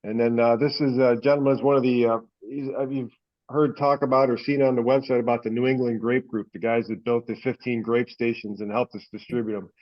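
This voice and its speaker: With little pitch movement and a fairly quick pace, a mid-range male voice rambles through a homespun update for a group online. He's a presenter on a hobbyist teleconference, heard through muffled, lo-fi call audio.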